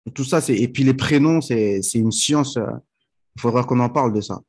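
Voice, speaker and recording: Husky-voiced man teaching a religious lesson. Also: mid-range voice, darkish tone. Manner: explains patiently with everyday examples, checks understanding often; reads Arabic phrases slowly before translating them. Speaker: teacher of Arabic rhetoric.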